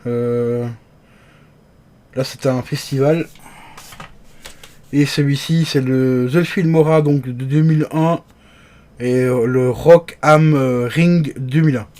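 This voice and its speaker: A man of ordinary pitch talks through an unboxing in a relaxed, chatty way. He hesitates often, filling gaps and restarting words as he goes. His voice drifts nearer and farther from the mic as he handles things. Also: takes it slowly, pauses often. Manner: chatty, hesitant with many fillers; talks to viewers as friends. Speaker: unboxing youtuber. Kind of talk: casual unboxing commentary.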